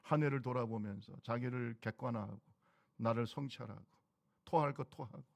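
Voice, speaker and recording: A man's voice: medium pitch, moderate pace, vocal fry. A middle-aged man preaching a sermon as pastor, exhorting the congregation with repeated calls.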